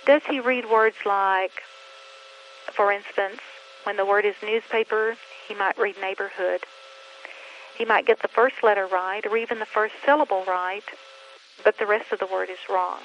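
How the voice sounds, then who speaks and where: A woman's voice: medium pitch, muffled recording, a little hiss or hum. Earnest woman teaching about reading. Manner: earnest, deliberate, explains with many questions and pauses. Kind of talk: instructional talk to parents.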